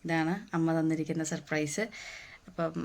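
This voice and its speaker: A young woman vlogger from Kerala, India, hoarse from a lingering cough, chats casually with viewers, calling them guys and using many "appam" and "aa" fillers. Her voice is low, monotone and darkish, at a moderate pace, recorded at home indoors and in the yard.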